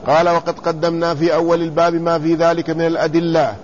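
A man teaching a lesson in classical Arabic, reading quoted commentary and then explaining it, repeating words slowly to spell out their vowels. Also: a little high, completely flat delivery. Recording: slightly dull lo-fi recording with faint room noise.

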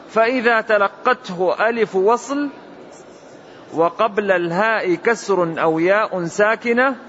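A man with a high voice reads a classical text aloud, slow and deliberate, in a formal recitation. The recording is dull and lo-fi, with a faint hiss behind him. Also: a bit bright.

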